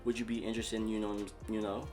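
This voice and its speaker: A man's voice: fairly low pitch, level tone, fast talker, a little mellow, faint music behind, close to an everyday voice. A man playing a boastful self-proclaimed relationship doctor in a comedy sketch, rambling and repeating himself. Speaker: comedic YouTube host in character.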